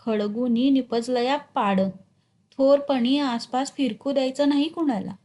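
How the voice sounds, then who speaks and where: A woman's voice: sits high, steady tone, a little slow, mellow. A woman voicing a strict village mother who scolds her son, raising her voice at him. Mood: scolding. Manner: scolding, raised voice.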